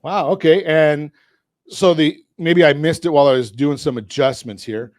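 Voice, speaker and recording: This finance talk radio host, a man with a Southern Californian accent, jokes energetically while steering his guests with leading questions, and the segment includes a sponsor read. His voice sits on the high side, slightly mellow, at a moderate pace. The studio mic gives studio-quality sound with no room sound.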